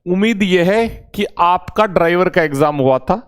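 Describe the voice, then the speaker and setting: A man's voice: sits high, normal speed, smooth. A man teaching as an exam coach, talking casually and reassuringly to students and calling them brother, with a touch. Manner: familiar, reassuring, often says brother.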